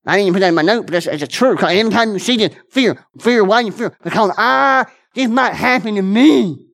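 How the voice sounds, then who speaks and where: A pastor preaching a conversational sermon in church, earnestly repeating and restarting phrases, quick in asides and slow on key lines. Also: male voice, high voice, gravelly, a bit bright.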